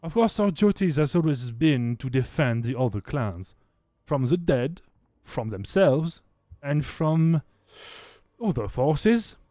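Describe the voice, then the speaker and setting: A man voicing a solemn, wary woman who guards the clans, speaking slowly and with hesitant pauses. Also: fairly high pitch, lively intonation, mellow, no room sound, studio quality. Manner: slow, measured, hesitant.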